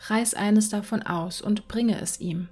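A woman voicing a selfless, sorrowful prince statue in a whispered role-play, gentle in manner. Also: medium pitch, steady tone, a little slow, faint music behind, natural voice.

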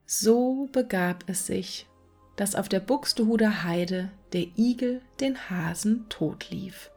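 A woman reading a fairy tale aloud, slowly, sometimes half in a whisper. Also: medium pitch, darkish tone, faint music behind. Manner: slow, at times half whispered. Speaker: narrator.

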